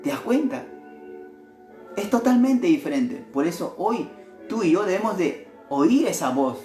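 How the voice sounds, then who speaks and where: A male missionary preaches a devotional sermon in a lively voice with wide swings of pitch. He keeps turning to his listeners with rhetorical questions. The room is echoey, with faint music underneath. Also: unhurried. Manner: animated, asks rhetorical questions.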